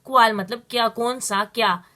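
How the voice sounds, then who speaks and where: Female language teacher, bright and slightly high, explains patiently and stretches out example phrases. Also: steady tone. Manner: explains step by step with slow, drawn-out Spanish examples. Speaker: Spanish teacher. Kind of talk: spoken language lesson.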